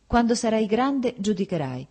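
A woman reading aloud voices a grieving mother, gentle and guilt-stricken, speaking tenderly to her son. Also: fairly high pitch, big pitch swings, normal speed, husky, voice pushed up. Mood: tender sorrow. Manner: tender, sorrowful.

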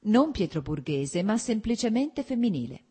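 A graceful young noblewoman speaks politely, with a light and playful warmth, as a woman narrator gives her voice. The voice rides a little above the reader's usual low, husky register. It is an audiobook reading of a novel. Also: big pitch swings, normal speed. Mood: polite, brisk. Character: lively, graceful young noblewoman, quietly warm.

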